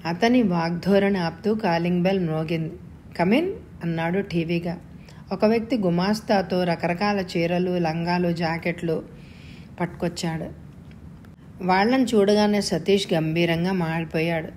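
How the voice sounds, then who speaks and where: Woman reading a story aloud, steady. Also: lowish voice, normal speed, a little hiss or hum. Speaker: story reader.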